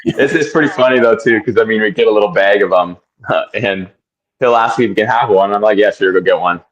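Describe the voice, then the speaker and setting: A man's voice: lowish voice, brisk, poor audio. A young man, a guest athlete, chatting in a laid-back, rambling way on a podcast. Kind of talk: casual podcast chat.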